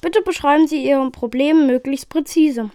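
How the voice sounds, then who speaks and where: A woman voicing an overly calm, polite ship computer in a read-aloud story. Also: high-pitched, no room sound, clean studio sound, close to an everyday voice. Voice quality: too calm, measured.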